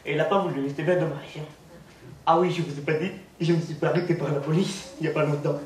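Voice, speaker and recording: A man doing a stand-up comedy routine as a naive, deadpan village simpleton, tagging his lines with "hein". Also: on the high side, fast talker. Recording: roomy, noisy recording from far off.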